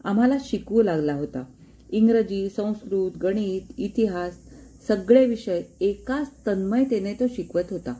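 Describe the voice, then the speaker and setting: A woman narrating a story in a measured, expressive storytelling style. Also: mid-range voice.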